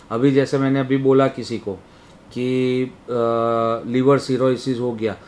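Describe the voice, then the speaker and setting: A male webinar teacher with a medium-pitched voice, explaining each point patiently and step by step. He keeps checking in with his listeners by asking whether they follow. His tone is that of a lecture given to students. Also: darkish tone. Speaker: Vastu teacher.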